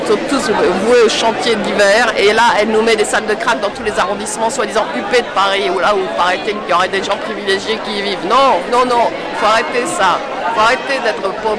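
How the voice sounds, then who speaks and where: A protester with a medium-pitched voice rants angrily and off the cuff. Phrases come back again for emphasis. Loud crowd sound and heavy noise fill the recording. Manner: angry, emphatic, repetitive. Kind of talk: spontaneous protest rant.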